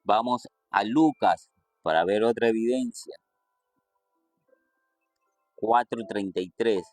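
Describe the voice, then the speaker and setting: A man preaching a sermon, reading scripture and stressing quoted lines with sudden lifts in pitch. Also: slow, darkish tone, soft background music.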